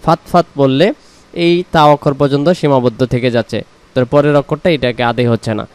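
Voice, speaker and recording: A man teaching word-by-word Quran recitation, explaining pronunciation and slowly drawing out each word. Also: medium pitch, a little mellow. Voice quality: very clear voice.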